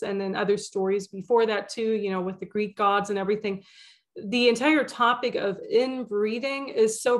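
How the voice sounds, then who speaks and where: A young woman hosting a spiritual channel, talking alone in a loose, rambling way with lots of fillers and restarts. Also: medium pitch. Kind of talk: casual monologue.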